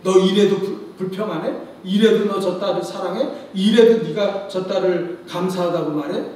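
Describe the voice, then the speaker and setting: A sneering demon taunting the parents, a preacher doing the voice, high and echoey. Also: male voice, moderate pace, darkish tone, slight background noise, lightly acted. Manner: mocking, taunting. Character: taunting demon possessing a young girl. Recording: very echoey church hall, distant mic.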